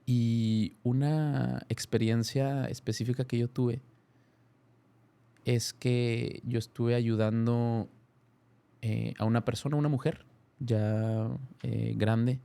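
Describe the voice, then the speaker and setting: A man in his thirties with a Mexican accent, a guest in a casual interview, telling a story in an animated way with many restarts and self-corrections. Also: medium pitch, takes it slowly, gravelly, clear, resonant tone. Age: 30s.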